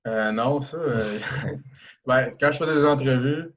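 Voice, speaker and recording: A man in his thirties with a Québécois French accent, talking casually as a podcast guest, relaxed and hesitant with many fillers and restarts. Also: mid-range voice, slow. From Quebec. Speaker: guest, professional hockey player.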